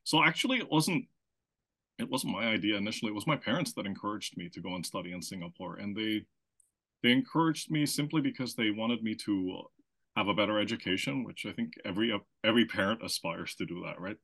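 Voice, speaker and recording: His lowish, creaky voice is expressive and fairly bright, delivered at a quick pace. Interviewed as a guest, this marketing consultant from Austria, raised in the Philippines, explains at length in conversation, regularly restarting and checking in with "right?"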